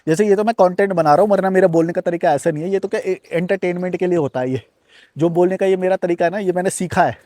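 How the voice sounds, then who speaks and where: A man hosting a self-help video, talking fast in an unbroken flow and addressing the viewer directly, words into his speech. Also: high-pitched, dark tone, dry recording, clean studio sound. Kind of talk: fast-paced motivational talk to camera. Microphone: recording to camera on a device.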